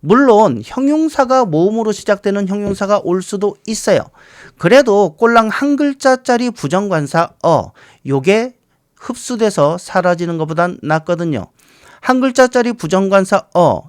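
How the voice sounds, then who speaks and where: High, smooth-voiced middle-aged male teacher. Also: very animated, no echo, clean studio sound. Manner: playful, talks to words as if they were people; reads English examples slowly and deliberately. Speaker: English teacher. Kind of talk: recorded grammar lecture. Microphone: close studio mic, voice-over.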